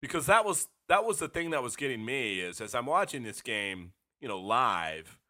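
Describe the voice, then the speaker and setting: Guy with a cold hosting a sports podcast, scratchy but bright voice, rambly fan talk. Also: mid-range voice, big pitch swings, moderate pace. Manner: frank, rambling, self-deprecating fan talk. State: hoarse from a cold. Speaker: podcast host.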